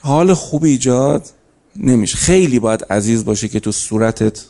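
A man's voice: medium pitch, expressive, dark tone. A man giving a conversational religious lecture to a live audience, telling stories and breaking into emphatic bursts. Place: lecture hall.

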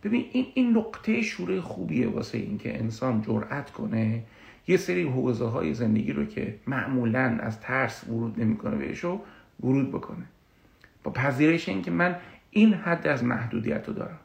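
Man, coach, gravelly voice, animated explanatory talk, echoey room. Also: mid-range voice. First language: Persian. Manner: animated, uses personal examples. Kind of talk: explanatory talk on self-confidence.

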